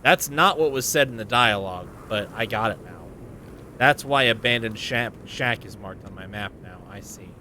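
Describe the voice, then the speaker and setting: A man's voice: on the low side, normal speed, bright, forceful tone, a little hiss or hum. A man giving casual let's play commentary, informally muttering reactions to the game as he plays. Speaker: gamer playing and commenting.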